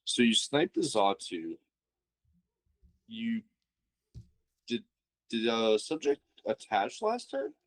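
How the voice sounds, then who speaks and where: A man's voice: mid-range voice, wildly swooping pitch, takes it slowly, pauses often, poor audio. A man commentating on a card game match, thinking aloud and asking analytical questions about the plays.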